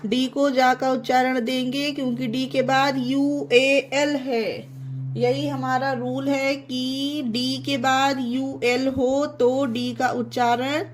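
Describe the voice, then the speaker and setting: A woman's voice: high voice, flat delivery, faint music behind. A woman teaching English pronunciation in an online lesson, spelling words out letter by letter and calling her viewers friends. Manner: spells words letter by letter slowly, then explains.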